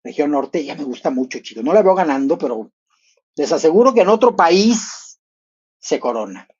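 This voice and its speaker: Gossipy, husky-voiced man commenting live. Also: lively intonation, normal speed, darkish tone, highs cut off. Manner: gossipy, playful, thinking aloud with sudden high exclamations.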